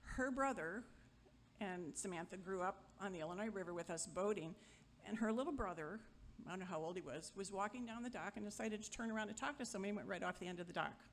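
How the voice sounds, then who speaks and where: A middle-aged woman giving an informal memorial eulogy, chatty and wry, joking with the crowd and sometimes halting. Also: medium pitch, a little hiss or hum. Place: gathering hall at a memorial.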